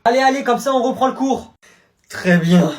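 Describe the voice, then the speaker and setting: A man's voice: very high voice, expressive, normal speed, pitched above the performer's own voice. A man playing a stern, exasperated male schoolteacher in a comedy sketch, barking orders at the class. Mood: bossy.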